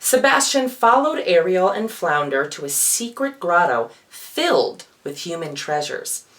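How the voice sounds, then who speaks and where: A drag performer with a feminine-sounding voice reads a children's storybook dramatically and theatrically, adding playful asides along the way. The voice is mid-range, very animated, and a bit bright, with a slightly slow pace.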